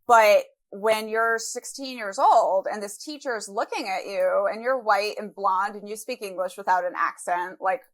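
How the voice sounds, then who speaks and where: A woman's voice: mid-range voice, moderate pace, hardly any pauses. A woman in her thirties from Brazil, a guest author talking candidly in a casual interview with frequent fillers. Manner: candid, reflective, many fillers.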